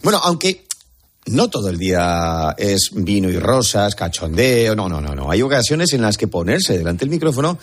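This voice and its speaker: Casting: male radio presenter from Spain with that accent, husky voice, animated, joking chat. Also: on the low side, moderate pace. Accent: Spanish, from Spain.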